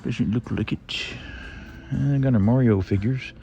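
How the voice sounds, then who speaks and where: Warm and mid-range with some vocal fry, this middle-aged man speaks at a measured pace on a muffled recording with soft music behind. A toy collector with a Southern drawl, he rambles chattily to himself while browsing store aisles for his casual vlog.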